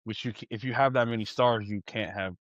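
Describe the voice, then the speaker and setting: A man in a casual sports podcast chat, explaining things in a measured, thoughtful way over a dull, lo-fi mic. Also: lowish voice, fairly even intonation, no echo. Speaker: podcast co-host or guest.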